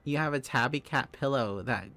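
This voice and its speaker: A man's voice: mid-range voice, moderate pace, fairly bright tone. A young man streaming live, chatting casually with viewers, giggling often and rambling through restarts.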